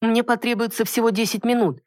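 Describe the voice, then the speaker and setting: A woman's voice: a little high, steady tone, a little fast, a little mellow, no room sound, clean studio sound, pitched above the performer's own voice, close to an everyday voice. A reader voicing a firm, earnest young noble lady in an audiobook. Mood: brisk.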